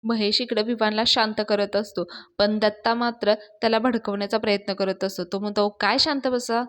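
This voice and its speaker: A woman's voice: mid-range voice, flat delivery, moderate pace. A woman reviewing a TV serial episode, retelling the scenes in a casual storytelling way and addressing her listeners directly.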